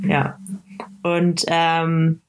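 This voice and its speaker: A woman recounting a personal experience in a casual conversation, pausing often with fillers and starting sentences over. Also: deep voice, monotone, clean tone. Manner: halting, many fillers and restarts. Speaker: interview guest.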